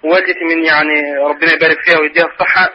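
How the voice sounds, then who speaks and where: A man's voice: a little high, little pitch movement, very fast, dull audio. Egyptian man calling in over the phone. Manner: warm, devout, full of blessings and greetings. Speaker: caller. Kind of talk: phone-in to a TV call-in show.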